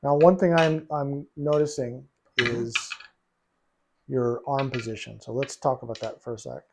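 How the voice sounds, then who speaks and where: A man's voice: mid-range voice, fairly even intonation, unhurried, noisy background. A man coaching a student at the pool table, patient and repeating his phrases as he explains. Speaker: billiards coach. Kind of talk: one-on-one coaching session.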